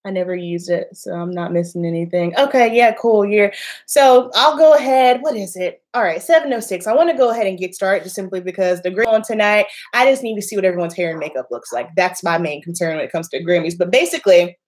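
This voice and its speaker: A woman makeup artist from the American South talks casually on a livestream in a mid-range, slightly mellow voice. There's a touch of nasal congestion, and she's emphatic and quick to laugh.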